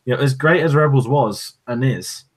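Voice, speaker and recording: A podcast co-host with a mid-range voice and moderate pace chats casually into a podcast microphone. His talk rambles and is opinionated.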